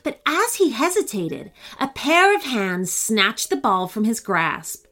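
A woman reads a children's bedtime story with a bright, lively voice, swooping up and down through every sentence. Soft music plays faintly beneath her. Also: fairly high pitch, slow. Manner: expressive, animated. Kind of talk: scripted children's story narration.

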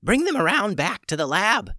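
A man's voice: fairly high pitch, wildly swooping pitch, fairly bright tone, dry recording, pitched above the performer's own voice, heavily acted. A man doing a wry old witch healer. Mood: matter-of-fact. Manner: brisk, matter-of-fact and dry.

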